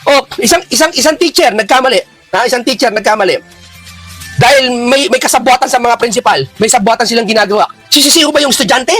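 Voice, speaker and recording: A man giving heated political reaction commentary, firing rhetorical questions and rising into shouts. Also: very high voice, fast talker, faint music behind.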